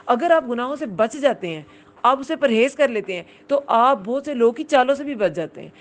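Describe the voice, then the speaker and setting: A Quran teacher with a slightly high, animated voice gives a religious lesson in Urdu mixed with English words. She explains things patiently and frequently asks her listeners if they've understood.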